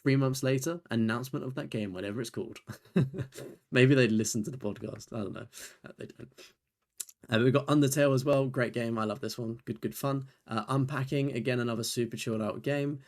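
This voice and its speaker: Here the same kind of young UK gaming YouTuber talks a little fast in a medium register, loosely going over a trophy list. He sounds weary, his voice is close to giving out, and he keeps rambling and putting himself down.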